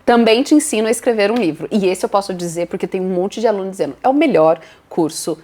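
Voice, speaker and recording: A woman with a Brazilian accent, co-hosting a casual motivational talk as a speaking coach, lively and teacherly, acting out what her students say. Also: mid-range voice, very fast. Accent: Brazilian Portuguese.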